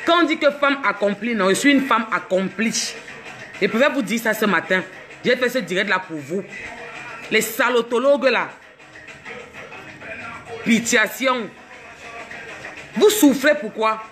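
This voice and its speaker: A woman's voice: a little high, animated, a little slow, long pauses, a bit bright, faint music behind. A woman from Cameroon, ranting on a livestream, mocking and scolding with laughs between jabs. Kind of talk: live social media rant.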